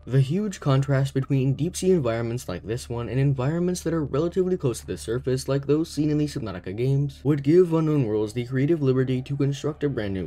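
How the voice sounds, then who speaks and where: A young man reading a scripted gaming video essay in a steady, explanatory way. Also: medium pitch. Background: faint background music.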